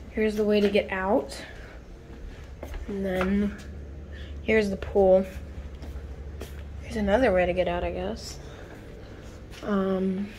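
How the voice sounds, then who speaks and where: A female vlogger talking to viewers in a nervous, hushed night-time manner while exploring indoors on a handheld camera. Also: medium pitch, poor audio. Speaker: vlogger hosting a challenge video. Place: indoors in hotel hallways. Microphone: handheld phone camera, walking. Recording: handheld recording with background noise.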